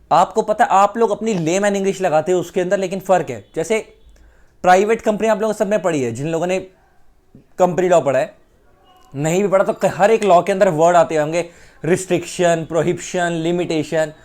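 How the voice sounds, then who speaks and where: एक भारतीय पुरुष शिक्षक, जो हिंदी और अंग्रेज़ी मिलाकर उदाहरणों के साथ कानून समझाता है।. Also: male voice, high-pitched, darkish tone. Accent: Indian. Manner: explains with repeated examples, mixing Hindi and English. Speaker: law teacher. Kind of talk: explanatory lecture.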